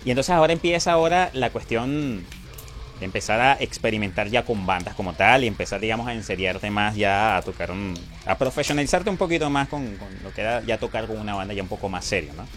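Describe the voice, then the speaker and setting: A man's voice: fairly low pitch, animated, fast talker, fairly bright tone, slight background noise. A man hosting a casual interview, enthusiastic and using casual slang. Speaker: interview host.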